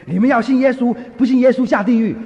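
A man playing a young man in his twenties who shouts a blunt, repeated warning at bus passengers. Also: very high voice, fast talker, big-room sound, lo-fi sound, voice pushed up. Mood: shouting. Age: 20s.

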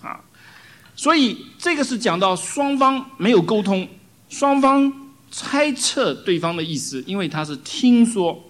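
High-pitched, lively male preacher. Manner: measured, teaching, pauses for interpretation. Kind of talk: sermon in Mandarin with interpreter.

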